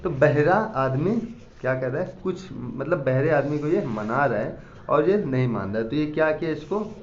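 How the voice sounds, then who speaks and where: A man's voice: medium pitch, slight background noise. A man teaching a lesson, who tells little mnemonic stories and keeps asking questions and answering them himself. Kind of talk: classroom lecture with mnemonic stories. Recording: echoey, dull lo-fi room sound.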